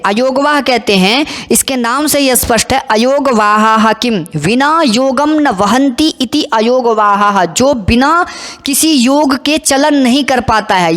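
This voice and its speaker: Slow-reciting woman teacher with hall reverb. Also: a little high. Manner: slow, deliberate recitation of Sanskrit examples. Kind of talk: explanatory lesson on Sanskrit letters.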